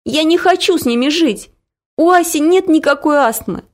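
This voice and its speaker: A stubborn little girl's voice, high and very lively, pleading and shouting in protest, as a woman narrator puts her on. She swings up and down as she begs to be believed in this storybook telling. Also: a little slow. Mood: upset. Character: upset, stubborn little girl.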